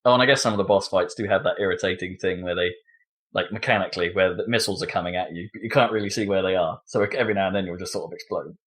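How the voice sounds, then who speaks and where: A man's voice: deep voice, rapid-fire, fairly bright tone. A man chatting casually about video games as a podcast co-host, rambling with lots of fillers and laughs.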